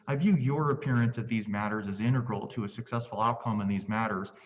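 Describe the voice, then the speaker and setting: A man presiding as judge over a virtual court hearing, speaking in a measured, polite, procedural way. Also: lowish voice. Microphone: video call. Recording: muffled distant video call audio.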